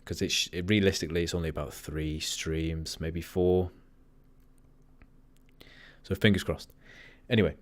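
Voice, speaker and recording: Low-voiced guy streaming, monotone casual chat, keeps rambling, dry sound. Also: unhurried, long pauses, no echo. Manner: rambling, easily sidetracked. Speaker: livestream host.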